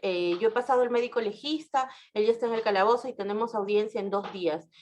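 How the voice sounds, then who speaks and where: Speaking fast on dull-sounding audio, a female lawyer shares a casual, anecdote-filled talk. She's lively, frequently ends lines with tag questions, and shifts her pitch to voice the people she quotes.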